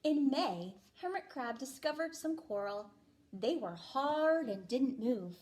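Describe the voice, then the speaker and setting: A kindergarten teacher reads a picture book aloud to young children, expressively stressing phrases and explaining as she goes. Her voice is high-pitched and slow.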